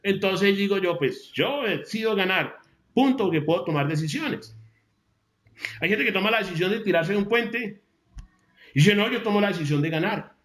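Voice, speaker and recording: A man delivering a motivational talk in a high, emphatic voice. He hammers on key phrases, repeating them and slowing down to let them land. The sound carries a noticeable room echo. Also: lively intonation, a bit bright. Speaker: motivational speaker.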